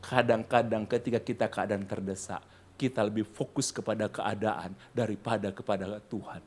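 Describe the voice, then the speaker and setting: A man's voice: lowish voice, fairly even intonation, moderate pace. A man in his fifties preaching a sermon as a pastor, telling a story and acting out the voices of the people in it. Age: 50s.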